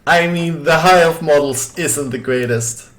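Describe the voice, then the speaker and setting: Slow-talking Swedish man streaming a game. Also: a little high, a bit bright. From Sweden. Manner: rambling, reads chat aloud, many fillers. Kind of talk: casual live-stream chat.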